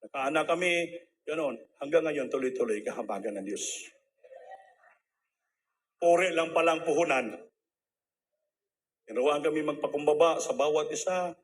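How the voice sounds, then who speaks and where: A middle-aged male preacher gives a testimony sermon in a high voice, talking conversationally and slipping English phrases in. Faint noise sits under the recording. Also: normal speed, long pauses.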